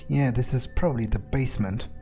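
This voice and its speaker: Soft music plays beneath a man's warm, mid-range voice at a fairly quick pace. In his game playthrough he speaks as a jaded vampire outcast full of cockiness, musing to himself in a halting, sweary mutter.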